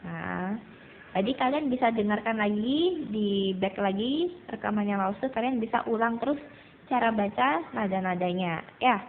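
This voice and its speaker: A woman teaching a beginner Mandarin lesson to students, patiently explaining and repeating drills slowly. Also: mid-range voice, expressive. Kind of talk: recorded classroom lesson. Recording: tinny phone-like recording with faint noise.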